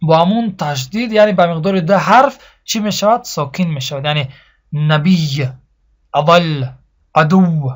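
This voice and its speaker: A man teaching a lesson on Quran recitation rules, speaking Persian with a Tajik accent. He explains slowly, asks his students questions and repeats example words. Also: high-pitched, animated. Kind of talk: classroom lesson on tajweed pausing rules.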